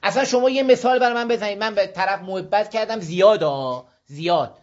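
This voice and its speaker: In a dull lo-fi recording with slight background noise, a high-pitched Iranian man advises a group on parenting. His informal moral talk is full of stories and frequent checks that the audience is following.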